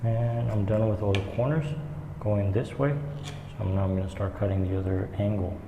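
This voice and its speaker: Low-pitched man in an echoing stairwell. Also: muffled recording. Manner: casual, halting step-by-step explaining. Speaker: woodworking instructor. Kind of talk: hands-on tutorial, talking while working. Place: indoor staircase with strong echo. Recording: echoey stairwell, long reverb, background noise.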